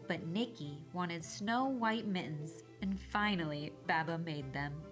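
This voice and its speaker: Slow-paced woman reading a children's storybook. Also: on the low side, over music. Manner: measured, clearly paced storytelling with emphasized words. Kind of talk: expressive read-aloud narration for young children.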